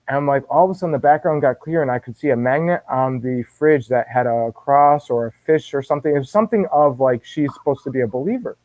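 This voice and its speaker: A man guest telling a personal faith story in an animated way, often restarting and repeating words. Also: mid-range voice, fairly quick, hardly any pauses, no room sound. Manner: animated, acts out his own quoted words. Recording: dull dry lo-fi sound.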